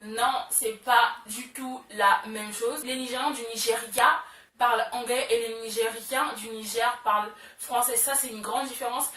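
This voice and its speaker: A young woman vlogs casually to her camera in a bright, somewhat high voice, chatty and full of fillers, repeating words for emphasis. She sits a little back from the mic, and her voice carries a roomy echo with faint noise behind it. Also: fairly even intonation, unhurried, distant mic. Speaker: beauty vlogger.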